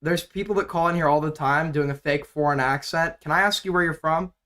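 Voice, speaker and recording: On a livestream, a man with a highish, pushed and bright voice talks fairly quickly, bluntly arguing with a caller and making sarcastic remarks about a video. It's casual commentary mixed with call-in debate.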